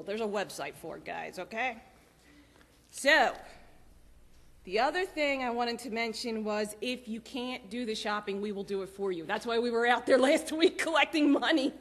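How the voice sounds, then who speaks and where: A woman giving lively, chatty announcements to a church congregation, laughing often. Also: on the high side, moderate pace. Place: church sanctuary. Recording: long church reverb.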